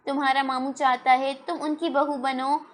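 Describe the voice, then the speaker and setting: A woman's voice: sits high, little pitch movement, normal speed, natural voice. A woman voicing a strict middle-aged mother who scolds her daughter, in a storybook reading. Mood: scolding.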